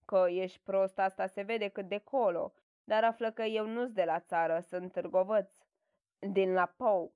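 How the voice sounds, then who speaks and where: A woman doing a gruff, scornful town porter. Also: mid-range voice, steady tone, darkish tone, lightly acted. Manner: scolding, mocking.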